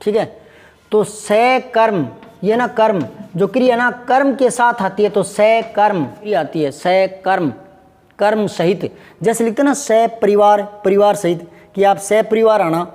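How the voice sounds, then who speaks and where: High-voiced male teacher in a reverberant space. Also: a little mellow. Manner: patient, repeats examples and asks the class questions. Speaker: Hindi grammar teacher. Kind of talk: classroom lesson.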